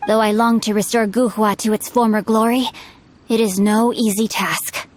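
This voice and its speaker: A woman's voice: fairly high pitch, steady tone, normal speed, lightly acted. A woman voicing a bookish, composed young nobleman swordsman in a video game, speaking formally and eloquently over music. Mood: reflective. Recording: music behind the voice.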